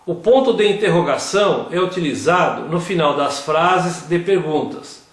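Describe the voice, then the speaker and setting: A man giving a slow scripted grammar lesson, reading word examples one at a time. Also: a little high, animated. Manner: reads word lists one by one. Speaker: grammar teacher. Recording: very echoey room.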